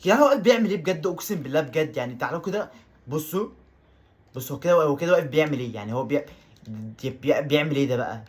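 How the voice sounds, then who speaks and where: A man with an Egyptian Arabic accent giving excitable let's-play commentary on a football video game, repeating his exclamations over and over. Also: on the high side, racing. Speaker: gaming YouTuber.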